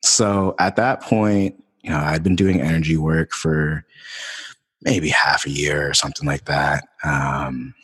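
Husky low-voiced man telling a story. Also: unhurried, in a large hall. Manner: animated, laughing, swearing casually. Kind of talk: casual storytelling chat.

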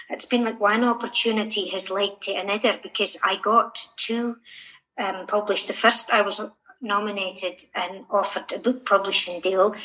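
A woman's voice: mid-range voice, sharp tone, low-quality recording. A woman with a Shetland Scottish accent answering interview questions in a hesitant, reflective, conversational way. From Shetland, Scotland. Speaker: interview guest, writer and poet.

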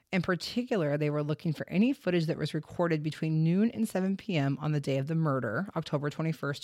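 A woman's voice: low-pitched, dry recording, clean studio sound. A woman hosting a casual true-crime podcast, reading case details and stumbling now and then over place names. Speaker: podcast host.

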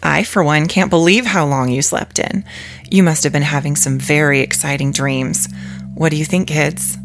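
A man's voice: on the high side, steady tone, normal speed, creaky, a bit bright, faint music behind, voice pushed up. A man voicing a sweetly eerie mother figure. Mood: sweetly teasing. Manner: sweet, teasing, coolly insistent. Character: smug eerie woman claiming to be mother.

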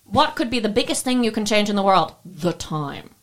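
A woman putting on a pompous, power-hungry dictator with a mock Russian accent, making slow grandiose proclamations. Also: medium pitch, animated, close to an everyday voice.

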